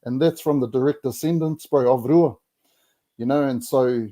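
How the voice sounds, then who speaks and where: A man's voice: mid-range voice, moderate pace, dark tone. A man with a broad New Zealand accent talks in a casual, reflective way, very colloquial and mixing Māori words into his English. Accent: broad Kiwi, Māori New Zealand English. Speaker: podcast guest.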